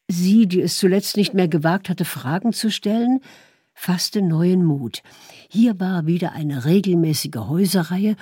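A woman reading a story aloud in calm, measured narration. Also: on the low side, husky, no echo, studio quality. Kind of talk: audiobook narration.

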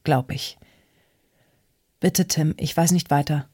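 A reader voicing a frightened, drunk seventeen-year-old girl in an audiobook, speaking quietly. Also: mid-range voice, steady tone, takes it slowly, slightly rough, no echo, clean studio sound. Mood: pleading.

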